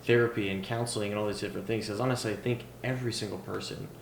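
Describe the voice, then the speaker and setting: Gravelly-voiced man hosting a podcast. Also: on the low side, steady tone. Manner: stammering restarts, quick affirmations. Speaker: podcast host. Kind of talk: casual podcast interview. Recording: roomy, with clear noise.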